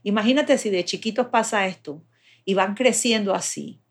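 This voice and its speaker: A woman's voice: mid-range voice, moderate pace, breathy edge. A woman explaining child development step by step in a patient, conversational way.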